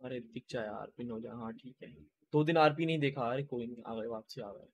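A man streaming a game, chatting casually with his viewers and greeting them by name, speaking quietly and low-key. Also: a little fast, breathy edge. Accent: Hindi.

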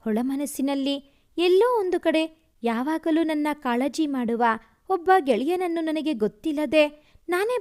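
A woman reading a romance story aloud as an expressive, emotional first-person narration. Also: high-pitched.

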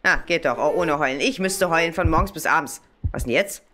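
A woman's voice: low voice, a little fast, sharp tone, slight background noise. A woman with a German accent giving casual commentary on a horror game, chatting and scolding the baby in it. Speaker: let's play gamer.

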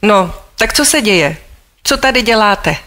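Breezy, unflappable young lady detective voiced by a female audiobook reader; offhand, kind, in a mid-pitched voice. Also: expressive, pushed and bright. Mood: calm. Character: poised, unflappable young society woman detective. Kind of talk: audiobook character voice.

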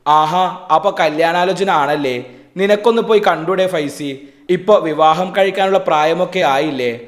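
A kind, wistful woman, read by a man in a storybook reading. The voice stays gentle and a touch high. Echo hangs around it. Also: moderate pace, lightly acted. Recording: echoey room.

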